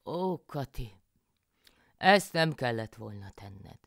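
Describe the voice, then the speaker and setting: A woman voicing a grumbling peasant husband in a folk tale, with loud, scolding exclamations. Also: extremely low pitch, sing-song, gravelly, no room sound, studio quality, heavily acted. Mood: exasperated.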